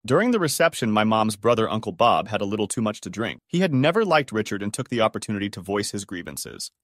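A man narrating stories in a dramatic, scripted way. His pitch rises and falls a lot, and the sound is close and dry with no room in it. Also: big pitch swings, fast talker, fairly bright tone, no echo. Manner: dramatic storytelling. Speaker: storyteller.

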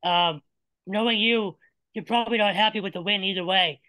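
A man reporter asks a coach questions on a video call, his voice bright and forward. The sound is dry and close. He is friendly and a little hesitant, with fillers and small hesitations. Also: sits high, normal speed, dry recording, rough recording. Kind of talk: press conference questions.

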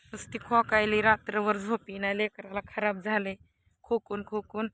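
A woman's voice: medium pitch, little pitch movement, normal speed, bright, forceful tone. A woman vlogging her family's day in a village, chatting with viewers. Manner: chatty, talking to viewers while filming. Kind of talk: casual family vlog chat.

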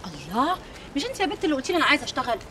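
A brash, streetwise Egyptian saleswoman in a TV drama, high-pitched and rattling words off very fast. She sounds set back from the mic, with faint background noise. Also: wildly swooping pitch, distant mic. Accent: Egyptian Arabic. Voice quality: brash, teasing. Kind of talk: TV drama acting.

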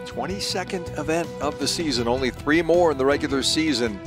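A man working as lead golf commentator, giving live play-by-play in a measured, polished broadcast manner. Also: a little high, over music.

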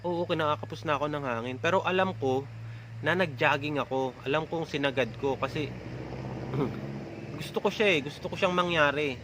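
A man's voice: on the high side, moderate pace, noisy background. A man talking casually to his audience in a vlog, rambling, with many filler tags at the ends of his phrases. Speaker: vlogger. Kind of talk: casual talk to camera.

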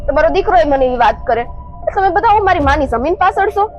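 A woman's voice: high voice, expressive, fast talker, highs cut off, soft background music. A young woman, acting as a daughter-in-law who protests and pleads in a village family drama.

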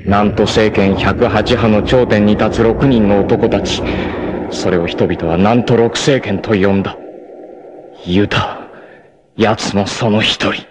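A voice actor with a fairly low, fairly even voice takes his time playing a dying young martial artist, proud and stoic, in the style of 1980s TV anime. His lines are grave, solemn declarations broken by sudden anguished outbursts. The old anime audio carries a hiss.

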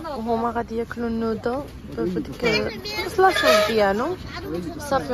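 A woman's voice: on the high side, heavy background noise. A woman in her twenties with a Moroccan Arabic accent, chatting casually into a phone held at arm's length while vlogging outdoors. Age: 20s. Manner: chatty, switching into English phrases. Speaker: travel vlogger. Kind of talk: casual vlog narration. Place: campsite and street market outdoors in China. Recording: loud background music.

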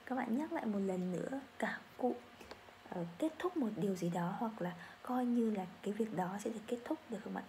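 A woman with a Vietnamese accent teaching English pronunciation, saying model phrases slowly for learners to repeat. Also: medium pitch, warm tone, slight background noise. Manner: slow, drawn-out model phrases for repetition. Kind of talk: pronunciation lesson.

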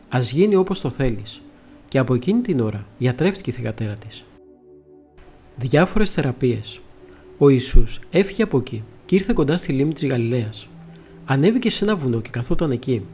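Man, scripture reading, measured delivery, mid pitch, faint background music. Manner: measured, steady reading aloud. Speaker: Bible reader.

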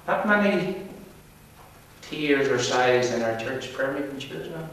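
Fervent preacher in echoey hall. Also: male voice, mid-range voice, expressive, unhurried, a bit bright, a little hiss or hum. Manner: fervent pulpit preaching, repetitive, biblical phrasing. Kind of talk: sermon. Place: church meeting hall. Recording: echoey church hall, voice far from mic.

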